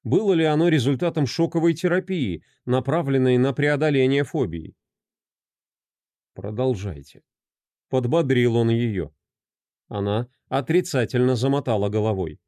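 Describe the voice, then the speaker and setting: A man narrating a crime novel as an audiobook, with expressive storytelling. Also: mid-range voice, normal speed, dry recording, clean studio sound.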